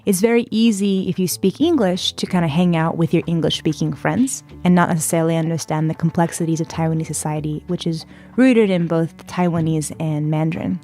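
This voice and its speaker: A woman's voice: sits low, steady tone, fairly quick, warm tone, soft background music. A woman in her twenties from San Diego telling her own story as a podcast guest, chatty and full of fillers. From San Diego, California. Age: 20s. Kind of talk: personal storytelling interview.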